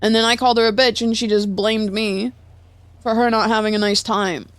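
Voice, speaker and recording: A woman's voice: a little high, little pitch movement, brisk, clear, resonant tone, no room sound. A young woman in an in-character roleplay chat, telling a long story in a rambling, profane way. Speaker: roleplay streamer.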